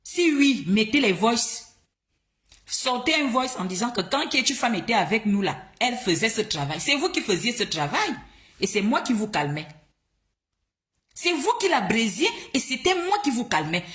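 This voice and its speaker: A woman's voice: a little high, sing-song, normal speed, fairly bright tone. A woman from Gabon hosting a live stream, talking in a heated, confrontational way, firing off rhetorical questions and stumbling over her words when she gets worked up. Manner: stumbles and restarts when agitated.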